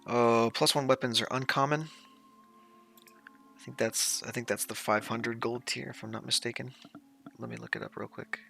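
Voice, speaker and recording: A man acting as game master, narrating and explaining rules in a casual, sweary way with halting descriptions. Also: mid-range voice, fairly even intonation, vocal fry, bright, forceful tone, husky, soft background music.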